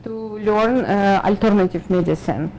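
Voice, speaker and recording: A middle-aged woman from Kazakhstan with a Russian accent, a guest doctor who pauses often and hunts for words in a casual interview chat. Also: medium pitch, warm tone, slight background noise, rough recording. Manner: halting, searching for words, many fillers.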